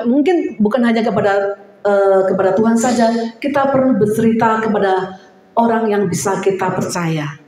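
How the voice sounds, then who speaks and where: A woman preacher giving a sermon to a women's fellowship, animated, acting out prayers and drawing replies from the congregation. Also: medium pitch. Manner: animated, acts out prayers and crying voices; call-and-response with the congregation. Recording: echoey room.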